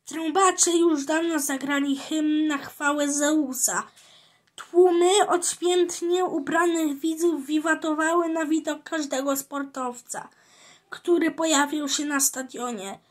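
A woman reading a children's storybook aloud, halting, with slips and restarts. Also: high-pitched, fairly even intonation. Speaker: reader.

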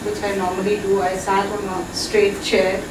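A middle-aged woman, a clinic patient, recounting her symptoms and progress in a hesitant, halting way. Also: medium pitch, little pitch movement. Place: small clinic room, indoors. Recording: roomy, distant, loud background noise.

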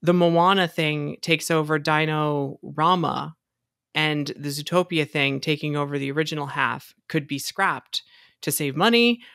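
A man's voice: fairly high pitch, a little slow, no echo. Chatty man in a dry room. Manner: animated, talks in long run-on explanations. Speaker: podcast co-host. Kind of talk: casual podcast chat.

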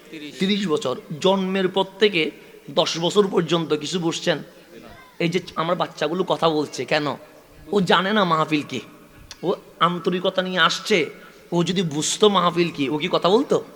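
A preacher from Chittagong with a Chittagonian accent delivers a sermon at a religious gathering in a high, bright, ringing voice. He keeps turning to the crowd with rhetorical questions and repeated call-and-response lines. His delivery swells into loud, stretched-out climaxes. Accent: Chittagonian Bengali. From Chittagong, Bangladesh.

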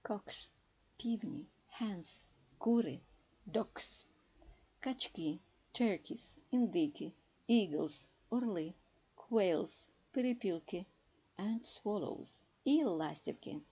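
A woman teaching English, slowly and carefully translating and explaining words one by one. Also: medium pitch, animated, dark tone, breathy edge. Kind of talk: slow bilingual lesson, translating words. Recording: dull lo-fi recording.

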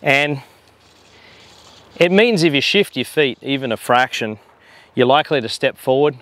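Outdoors on a harbor dock, a fly fishing guide in his forties explains line handling in an instructional demonstration. He speaks at medium pitch into a lapel mic, relaxed and a bit hesitant.

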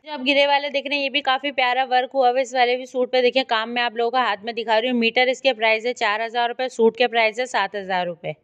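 A woman's voice: a little high, fairly even intonation, fast talker, few pauses, fairly bright tone, smooth, muffled recording. A woman giving a casual shopping vlog from a fabric shop in an indoor market, talking to viewers in chatty, repetitive sales patter through a handheld phone. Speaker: shopping vlogger.

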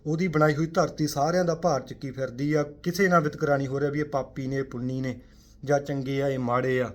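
A man giving a Sikh spiritual talk to viewers. He speaks forcefully, asks rhetorical questions, swings between loud emphatic bursts and quiet low asides, and mixes in English words. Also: steady tone, a little fast.

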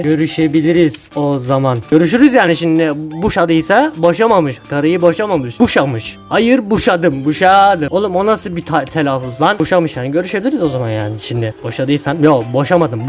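A man's voice: fairly high pitch, expressive, fairly quick, hardly any pauses, faint music behind. A man who is a YouTuber, giving crude, mocking commentary as he reads chat messages aloud. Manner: crude, mocking, swears a lot.

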